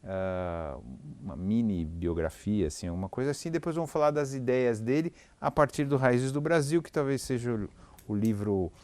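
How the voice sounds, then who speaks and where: A man's voice: mid-range voice, normal speed, darkish tone. A man hosting a podcast interview, steering the conversation in a loose, informal way. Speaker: podcast host. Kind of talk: casual interview chat.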